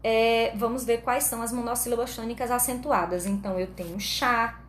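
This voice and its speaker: Recorded in an echoey room with faint background noise, a woman teacher with a Brazilian Portuguese accent leads an online grammar lesson, patiently explaining step by step and regularly checking in with students. She speaks at normal speed with a high-leaning voice and fairly even intonation.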